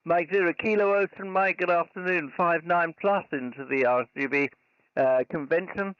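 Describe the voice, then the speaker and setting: Slightly muffled, dull audio captures a man with a somewhat high, clean voice speaking at a normal pace without any room sound. He is an amateur radio operator running live contacts from a convention special event station, using polite procedural exchanges of call signs and signal reports.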